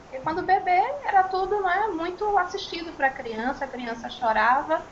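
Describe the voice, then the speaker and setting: A woman with a Brazilian Portuguese accent, a child and speech therapist, explaining on a panel in a measured way with frequent tag questions. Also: very high voice. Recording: muffled, slightly noisy recording.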